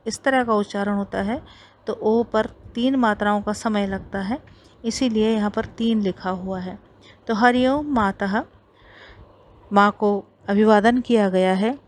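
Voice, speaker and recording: Indian woman, Sanskrit teacher, slow and careful, slightly high voice, faint hiss behind. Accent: Indian Hindi. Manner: reads each Sanskrit line, then explains it in Hindi. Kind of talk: explaining a textbook lesson line by line.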